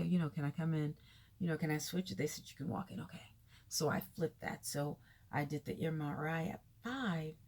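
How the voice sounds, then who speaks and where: A woman's voice: lowish voice, vocal fry, darkish tone, slightly rough. A tired woman vlogger chatting casually and candidly about her day, telling stories in a rambling way and repeating herself for emphasis. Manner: conversational, candid storytelling with emphatic repetition.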